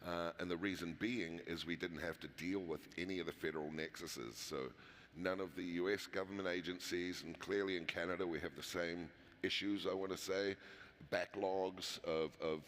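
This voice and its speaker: In a conference interview, a company founder with a New Zealand accent speaks casually, full of fillers and restarts. His voice is low and a bit bright, with fairly even intonation at a normal speed. Long hall reverb surrounds him.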